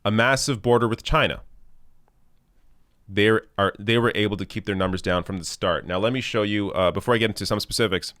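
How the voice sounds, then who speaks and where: A man with a fairly low voice hosts a political commentary show. He speaks off the cuff to his viewers, earnest and opinionated, pressing his points with emphasis. The sound is fairly dry and close. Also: fairly quick, a bit bright, no echo. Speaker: host of a news commentary show.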